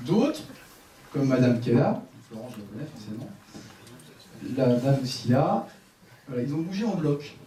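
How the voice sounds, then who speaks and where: A man giving a live conference talk on a headset mic, lively and directive, joking with his audience. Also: a little high, distant mic, a little hiss or hum. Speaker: conference speaker. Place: conference room with seated audience. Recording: echoey room, speaker off-mic at times.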